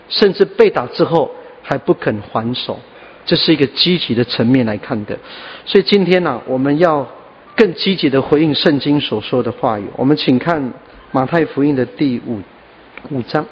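A man's voice: on the high side, animated, normal speed, long reverb tail, muffled recording. A man preaching a sermon, dropping "ah" and "ha" fillers. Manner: scattered with "ah" and "ha" fillers, earnest. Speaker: pastor.

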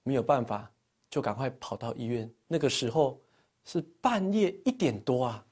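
A man preaching a sermon as pastor, telling stories with emphatic peaks and soft, dropping phrase endings. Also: normal speed, slightly rough. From Taiwan. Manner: animated storytelling, swinging between emphatic highs and soft low phrase endings.

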